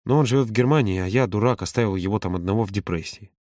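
A man voicing a grown son near forty who confesses in a hushed, halting voice, choked with tears. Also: lowish voice, no room sound, clean studio sound, far from the mic, lightly acted. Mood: hushed, shaken. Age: 30s.

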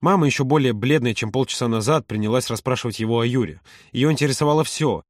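A man's voice: mid-range voice, fast, no echo. Male audiobook narrator, dry close sound.

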